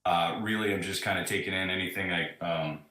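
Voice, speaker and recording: A caller's very low male voice comes through a speakerphone, ringing with a hollow, roomy echo. He speaks haltingly, apologizing and filling gaps with ums and you-knows. The call sounds like it bounces around an open room rather than sitting close to the mic. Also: sharp tone. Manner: hesitant, apologetic, halting with many fillers. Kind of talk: casual call-in chat.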